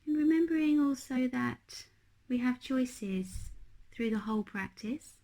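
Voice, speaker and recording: Leading a guided meditation as a teacher, a woman speaks gently, slowly and in a hushed way. Her voice is high and expressive.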